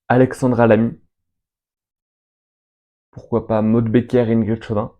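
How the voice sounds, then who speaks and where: A young man hosts a casual question-and-answer chat in a mellow, relaxed voice. He rambles with enthusiasm and reels off long lists of names, pausing between them. His pitch sits in the middle of the usual range. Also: dull audio. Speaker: fan video host answering viewer questions.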